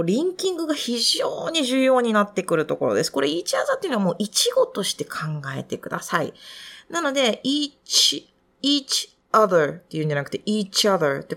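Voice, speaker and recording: A young adult woman giving polite, patient pronunciation feedback to a student, explaining sounds step by step. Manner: polite, patient, explanatory, lively rises in pitch. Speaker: English pronunciation tutor. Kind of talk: recorded feedback on a student's reading.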